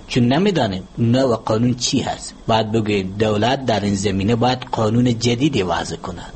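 A man, a language expert being interviewed, explaining in a measured, lecturing way with hesitant pauses. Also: lowish voice, slight background noise.

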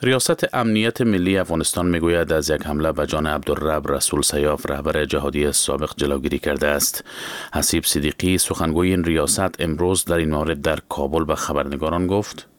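A man reading the news in a measured, formal way. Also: very deep voice, steady tone, no room sound. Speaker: newsreader. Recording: dry studio sound.

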